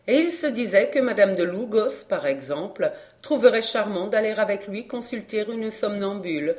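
A woman reading a classic novel aloud as narrator, steady and measured. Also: mid-range voice. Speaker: audiobook reader.

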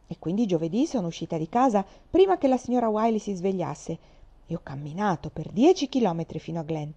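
A woman's voice: medium pitch, dark tone. A woman voicing a tough, boastful orphan girl of about twelve who talks in a brash, defiant way. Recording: slightly dull lo-fi recording.

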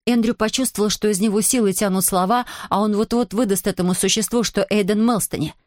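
A woman narrating a fantasy novel aloud with an even, measured storytelling delivery. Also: medium pitch, dry recording, studio quality. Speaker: audiobook narrator. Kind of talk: scripted narration.

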